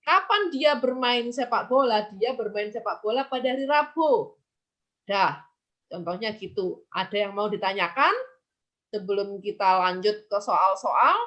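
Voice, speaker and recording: A woman's voice: mid-range voice, lively intonation, unhurried, a bit bright, dull audio. A woman teacher giving an online English lesson, asking and answering imagined student questions herself.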